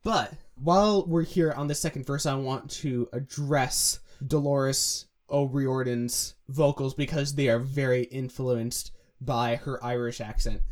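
A young man co-hosting a music breakdown, explaining the pronunciation of vowels and demonstrating the sounds himself. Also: fairly high pitch. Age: young adult. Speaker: music analysis co-host. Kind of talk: casual analytical chat.

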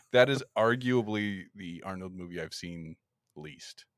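A man hosting a podcast in casual chat, laughing often and talking in an animated way. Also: low-pitched, slow pace, no echo, clean studio sound. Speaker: podcast host.

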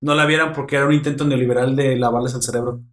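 A man with a Mexican Spanish accent, co-hosting a casual podcast chat, animated and opinionated, swearing casually. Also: mid-range voice, racing, a little hiss or hum. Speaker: podcast co-host. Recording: roomy echo.

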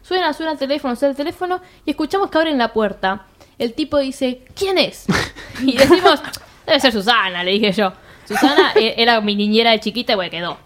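A young woman with a Rioplatense Argentine accent, telling a chaotic story among friends. Her voice sits a little high and swings wide as she acts out each person in it, her speech full of slang and quick laughter. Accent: Rioplatense Argentine Spanish. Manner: animated, slangy, laughs often, acts out quoted lines. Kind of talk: casual chat, telling an anecdote.

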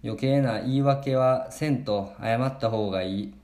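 A man's voice: medium pitch, a little slow, a little mellow. A man with a Kansai accent hosting a podcast lesson on his dialect, switching between Japanese and careful, non-native English explanations. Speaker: podcast host and dialect teacher. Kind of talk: bilingual language lesson podcast. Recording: roomy echo.

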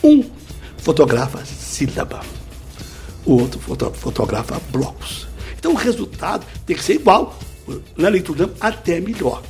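Male teacher guest, bit high, very lively delivery, didactic, faint music behind. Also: moderate pace, creaky. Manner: lively, didactic, full of examples. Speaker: speed-reading teacher, guest. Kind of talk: explanatory interview answers.

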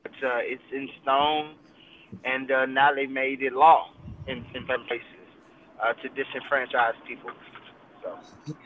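A man's voice: mid-range voice, flat delivery, unhurried, pauses often, a little hiss or hum. Man on a tinny car speakerphone. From Texas. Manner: conversational with frequent 'uh' fillers and restarts. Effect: car speakerphone call while driving. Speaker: guest, congressional candidate. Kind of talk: casual live interview. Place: moving car. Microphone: phone speakerphone. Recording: tinny phone line from a car.

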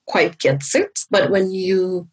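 Woman from Kenya, business coach, emphatic promo testimonial, deeply husky voice. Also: slow pace, darkish tone, low-quality recording.

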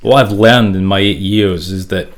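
A middle-aged man from South Africa and Zimbabwe, speaking as an interview guest in a halting way with many restarts and repeated words. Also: low-pitched. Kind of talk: candid interview talk.

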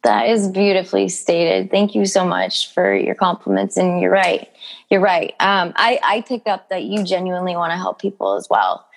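A woman's voice: medium pitch, moderate pace, creaky. A young adult woman speaking as an interview guest in a casual, personal, informal way, with plenty of conversational filler. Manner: informal, peppers speech with "you know" and "like". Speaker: podcast guest telling her health story.

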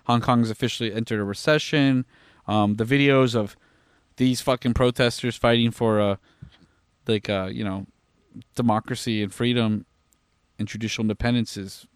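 A man's voice: mid-range voice, clean tone, dry recording, clean studio sound. A tired young man co-hosting a podcast, ranting in casual chat with lots of swearing and fillers. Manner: profane, rapid rants with frequent fillers. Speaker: podcast co-host.

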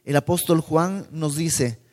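A man preaching a sermon in a calm teaching tone, posing rhetorical questions to his listeners. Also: on the high side, slow pace. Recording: long hall reverb.

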